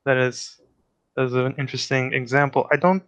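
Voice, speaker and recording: A man's voice: medium pitch, flat delivery, a little fast, fairly bright tone, clear, resonant tone. Guy rambling through a linguistics explanation, stops and corrects himself a lot. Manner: thinks aloud, self-correcting. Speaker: linguistics presenter. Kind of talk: casual explanatory talk.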